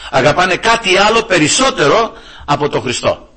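A man's voice: sits high, big pitch swings, pushed and bright, husky. A male preacher delivering an emphatic sermon, often turning to address the brethren directly.

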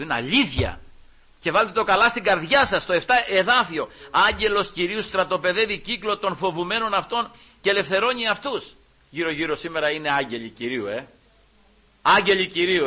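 Fervent high-pitched male preacher. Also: slightly rough. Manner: fervent, animated, retells scripture with quoted dialogue. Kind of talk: sermon.

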